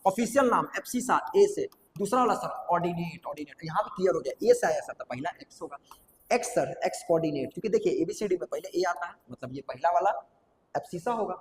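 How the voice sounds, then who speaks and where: A man's voice: high voice, fairly bright tone. A man teaching a classroom math lesson, repeating key terms and quizzing students aloud. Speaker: coaching teacher. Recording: echoey room with long reverb.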